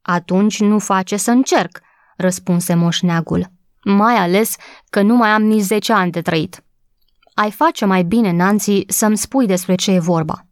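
A slow, grumbling old man who answers testily and without hurry, played by a woman reading aloud. His lines come lower and more drawn out than the rest of the reading. The recording is close and dry. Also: no room sound, natural voice. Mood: grumpy. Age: older. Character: grumpy old stable hand, slow and dry. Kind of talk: audiobook character voice.

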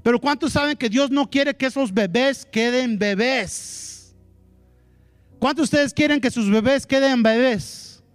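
A male pastor gives an animated sermon, switching into English phrases and acting out what people say. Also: extremely high pitch, unhurried, dry recording, faint music behind. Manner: mixes Spanish with English phrases; animated preaching that acts out quotes.

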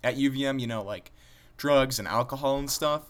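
A man's voice: medium pitch, a little fast, a bit bright. A young man, a college student, chatting casually and rambling with lots of filler words. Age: young adult. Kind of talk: casual chat.

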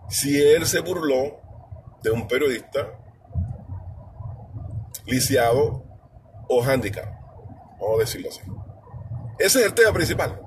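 A man's voice: on the high side, slight background noise. Blunt, emphatic man from New York. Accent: New York Spanish speaker. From New York, USA. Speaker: political commentator. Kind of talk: casual monologue commentary.

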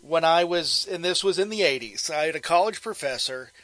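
A man's voice: a little high, lively intonation, fairly quick, fairly bright tone, no echo, poor audio. A man in his fifties from the Pittsburgh area, hosting a casual phone interview in a friendly, chatty way and laughing easily. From Pittsburgh area, USA. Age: 50s. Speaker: interviewer host.

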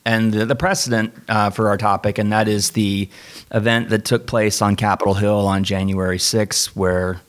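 Male pastor-host, low voice, measured and thoughtful, casual chat. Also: flat delivery. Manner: measured, thoughtful, frequent restarts. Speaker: pastor and theologian, podcast host. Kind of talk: casual conversational podcast.

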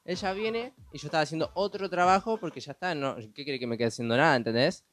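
A man's voice: on the high side, quick pace, fairly bright tone, no echo. A man telling a story on a podcast in a rambling way, full of restarts and "viste". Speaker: podcast co-host. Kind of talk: casual storytelling.

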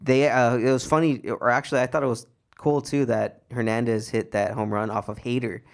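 A man's voice: mid-range voice, fairly even intonation, fairly quick. A young American man chatting casually about sports as a podcast co-host, in a slangy, laid-back frat-bro manner.

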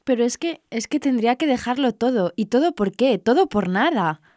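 A woman's voice: fairly high pitch, animated, normal speed, a little mellow, no echo, studio quality, natural voice. A woman playing a nervous young woman who makes excuses and admits she is afraid. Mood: hesitant. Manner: startled and hesitant, making excuses. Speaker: anxious young woman on a lakeside walk.

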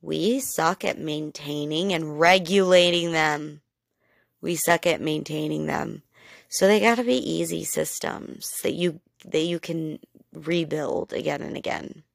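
A woman with a low voice and a gravelly edge talks through her points like a casual solo podcast. She is chatty and candid, with plenty of "like" and the occasional swear. The sound is dry and close. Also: a little slow, no echo. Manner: chatty, candid, mild swearing, frequent "like" fillers. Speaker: podcast host.

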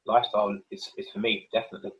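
A man's voice: lowish voice, flat delivery, rapid-fire, fairly bright tone, muffled recording. A man talking casually as a fitness podcast guest, explaining things in a chatty, informal way. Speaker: podcast guest, personal trainer. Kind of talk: casual chat.

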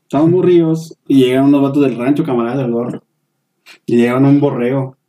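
A young man with a Mexican accent telling a story in relaxed, slangy casual chat. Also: medium pitch, quick pace, slight background noise. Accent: Mexican Spanish. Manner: slangy, laid-back storyteller. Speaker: podcast guest.

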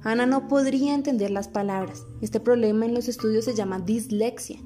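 A woman playing a caring teacher in a dubbed film, explaining slowly and earnestly over background music. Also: on the high side, mellow, close to an everyday voice. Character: patient caring female teacher, adult.

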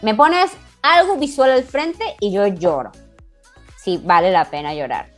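A woman in her twenties co-hosting a podcast, telling a story in an animated, casual way and laughing often. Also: medium pitch, unhurried, soft background music. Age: 20s. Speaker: podcast co-host.

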